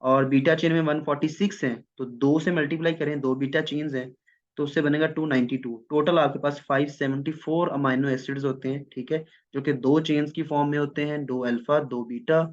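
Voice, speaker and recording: A man's voice: a little high, steady tone, a little fast. A man teaching biochemistry in a step-by-step classroom lecture, often checking in with his students. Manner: explains step by step, often checks in with "theek hai". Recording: dull lo-fi recording.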